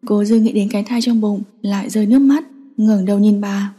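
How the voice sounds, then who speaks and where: A woman narrating an audiobook in a steady, measured storytelling voice. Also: mid-range voice, breathy edge. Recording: long reverberant echo.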